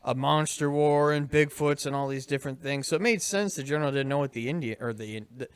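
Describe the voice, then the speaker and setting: Male co-creator, laid-back commentary, smooth tone, dead-dry close mic. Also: mid-range voice, fairly quick, no room sound. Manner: relaxed, trailing off into mumbles. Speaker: co-creator commenting on his show. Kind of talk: casual commentary chat.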